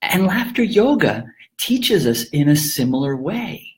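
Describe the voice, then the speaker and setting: A man talks a home audience through laughter yoga, calm and explanatory in tone. He breaks into easy laughter again and again between his points. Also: fairly high pitch, measured pace. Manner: gentle, often breaks into laughter. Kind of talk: calm explanatory teaching to camera.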